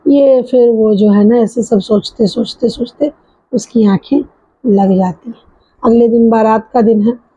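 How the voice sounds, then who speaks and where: Husky, mellow woman retelling a story. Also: fairly high pitch, steady tone, a little slow. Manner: conversational, with frequent fillers and restarts. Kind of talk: casual spoken retelling of a story. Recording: dull lo-fi recording.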